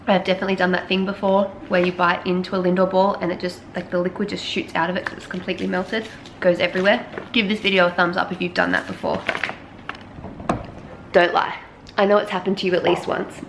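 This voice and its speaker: A young woman chatting casually to camera in her apartment, self-deprecating and relaxed. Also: fairly low pitch, gravelly, slight background noise. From Australia. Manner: chatty, self-deprecating, talks with mouth full while tasting. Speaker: lifestyle vlogger. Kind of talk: casual vlog chat. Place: small apartment indoors.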